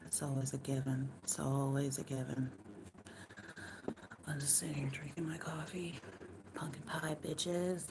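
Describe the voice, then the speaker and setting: Hoarse low-voiced woman just chatting on her stream at home, slow and rambly, bit of hiss behind. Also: flat delivery. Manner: rambling and loose, with frequent swearing and laughs. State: worn-out voice. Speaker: live streamer. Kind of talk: casual live-stream chat.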